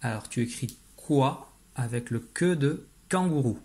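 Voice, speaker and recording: A man's voice: medium pitch, lively intonation, a little slow, dark tone, husky. A man teaching young children in a recorded video lesson, giving patient step-by-step instructions as he writes on a slate.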